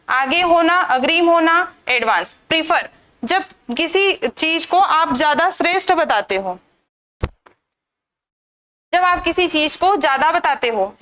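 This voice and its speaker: High-voiced woman teaching a live class. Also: a bit bright. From India. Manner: scolding, drilling students with rhetorical questions. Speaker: English vocabulary teacher.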